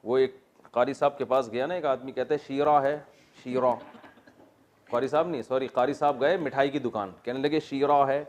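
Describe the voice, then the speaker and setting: A man's voice: medium pitch, darkish tone, a little hiss or hum. Pakistani-accented man teaching a grammar lesson. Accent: Pakistani Urdu. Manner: explains step by step, asks students questions, jokes. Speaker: religious teacher. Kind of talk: classroom Quran grammar lesson.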